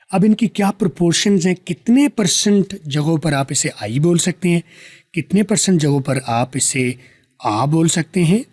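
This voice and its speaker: A man with a Pakistani accent teaching English pronunciation, saying example sentences slowly and drawn out, then explaining them briskly. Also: fairly high pitch, darkish tone, no echo.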